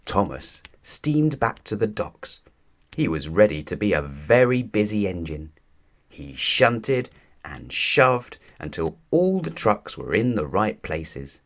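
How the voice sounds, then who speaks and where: A storybook narrator with a deep male voice reads a children's story aloud, telling it in an expressive, deliberate way.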